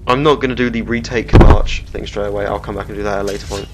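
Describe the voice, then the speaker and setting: Talking fast in a level, lowish voice, a young man with a head cold casually narrates his gameplay and swears from time to time. The desktop-microphone recording has a noisy background, and game music runs underneath.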